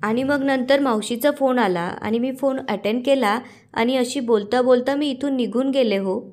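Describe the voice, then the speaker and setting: A woman's voice: high-pitched, moderate pace, a little mellow, close to an everyday voice. A woman reading the lines of Prabhubai, a fretful, pleading middle-aged woman.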